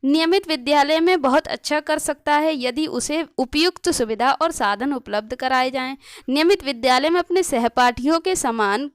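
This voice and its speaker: A woman's voice: high-pitched, normal speed, no echo, clean studio sound. A woman teaching exam prep, reading each option aloud and then restating it in simple words, often stopping to restart a word. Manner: self-correcting, restarting words. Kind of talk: explanatory lesson.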